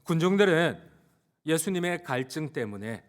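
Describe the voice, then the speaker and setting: Male pastor, higher voice, very animated delivery, impassioned church sermon. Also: moderate pace. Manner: impassioned, rising to cries. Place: church sanctuary.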